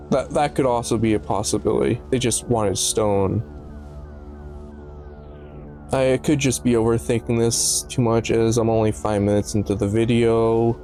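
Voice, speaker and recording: A man's fairly low, mellow voice carries his casual video analysis, which wanders in a musing, slightly halting way full of offhand asides. Background music accompanies him.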